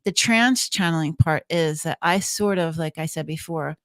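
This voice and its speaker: A woman's voice: sits low, moderate pace, fairly bright tone, dry recording, clean studio sound. A woman speaking as an interview guest, explaining things conversationally in earnest, emphatic short phrases. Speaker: guest, trance channeler.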